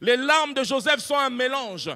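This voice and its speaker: A man preaching a sermon, rising into impassioned, shouted prophecy with sung, chanting cadences. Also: very high-pitched, animated, moderate pace, gravelly.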